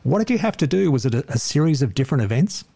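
A man's voice: a little high, big pitch swings, rapid-fire, vocal fry, mellow, breathy edge. An Australian man hosting a casual radio interview.

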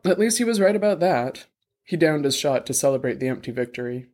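A man's voice: fairly high pitch, darkish tone. Man narrating a detective story. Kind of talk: scripted audiobook narration.

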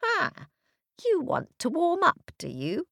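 A shrieking old storybook witch, greedy and menacing, put on by a woman narrator. The voice leaps high and swoops all over, crooning one moment and screeching the next, with a dry close sound. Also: huge pitch swings, slow pace, gravelly, a bit bright, no room sound, full character voice.

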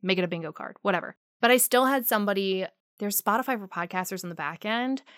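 A woman hosts a true crime podcast in a middle-pitched voice. Her sound is dry and close, with no room around it. She speaks bluntly and with passion, and she curses freely. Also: quick pace, fairly bright tone, dry recording. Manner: blunt, profane and impassioned. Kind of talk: podcast sign-off and personal rant.

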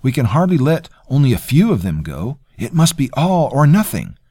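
A man voicing an officious, sneering nobleman who speaks in a smooth, condescending way. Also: mid-range voice, huge pitch swings, normal speed, warm tone, no echo, studio quality, voice pushed up.

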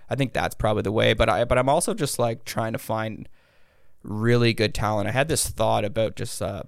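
American man, gravelly vocal fry, lowish pitch, rambling casual podcast guest, close dry sound. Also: fairly quick, no room sound. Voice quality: vocal fry, raspy throat. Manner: rambling, hedging, self-interrupting. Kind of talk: casual interview chat.

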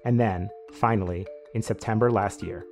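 A man hosting a podcast, reading a measured, scripted narration that explains a business story. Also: fairly low pitch, a little mellow, faint music behind. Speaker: podcast host.

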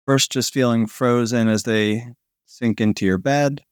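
A man narrates as if telling a sleep story, guiding relaxation in a soothing, unhurried way. His mid-pitched voice sits in a very dry recording, with long pauses between phrases. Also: steady tone, smooth, no echo. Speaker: podcast host guiding a sleep meditation.

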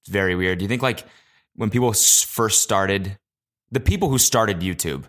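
A man hosting a casual solo podcast, talking into a podcast mic in an animated, profane rant that jumps between loud exclamations and low mutters. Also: normal speed. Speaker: podcast host. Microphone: podcast microphone.

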